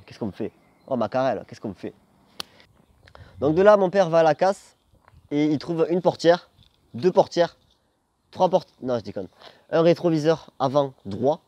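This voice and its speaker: A man's voice: on the high side, warm tone, no echo, dull audio. Slangy young man, theatrical. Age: young adult. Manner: jokey, theatrical, swearing freely. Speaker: vlogger telling a personal story. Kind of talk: casual slangy storytelling to camera.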